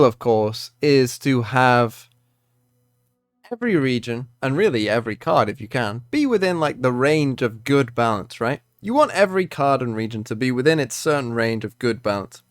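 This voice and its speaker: A man delivering an unscripted commentary rant, exasperated and incredulous, moving between measured explanation and worked-up emphasis. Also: medium pitch, no room sound, clean studio sound. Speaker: video creator ranting about card game balance.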